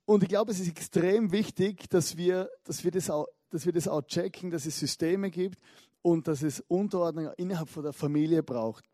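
A man delivers an animated sermon, leaning on anecdotes and little rhetorical asides. His voice sits high for a man. The sound is close and dry, with no room echo. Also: normal speed. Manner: animated storytelling with frequent asides. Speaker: preacher. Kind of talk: lively sermon.

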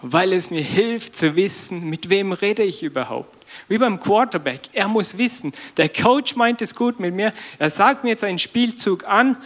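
A man preaching a sermon in a lively, conversational way, with casual slang and sudden bursts of loud emphasis. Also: high voice.

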